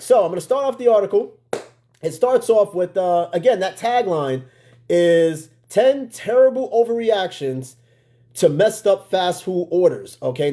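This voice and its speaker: His voice sits high and has a warm tone. He's an American podcast host doing loose livestream chat, full of slang and swearing, often addressing his listeners directly in asides.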